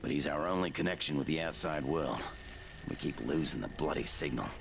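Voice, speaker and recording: An actor playing a male head lifeguard with an Australian accent, earnest and steady as he leads survivors in a game. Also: extremely low pitch, a little fast, vocal fry, background noise. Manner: earnest, pleading for help.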